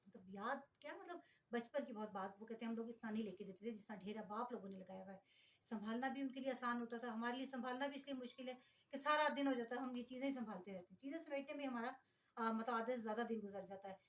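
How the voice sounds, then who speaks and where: Talking fast in a slightly high voice, this middle-aged vlogger and mother from Pakistan complains to her audience with clear exasperation in a casual monologue.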